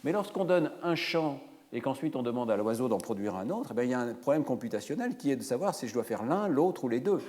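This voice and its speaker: A man's voice: mid-range voice, very animated, quick pace, hardly any pauses, darkish tone. Man lecturing in a reverberant hall. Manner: explanatory, fluent, with frequent fillers. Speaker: professor. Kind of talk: university lecture.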